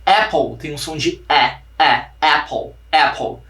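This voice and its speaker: Teaching an online language class, a young Brazilian man slowly repeats practice words to drill pronunciation, regularly asking "tá, gente?" to make sure his students are keeping up. His voice sits a little high for a man and sounds pushed and bright. He seems to stand some way from the mic, giving the audio a roomy echo.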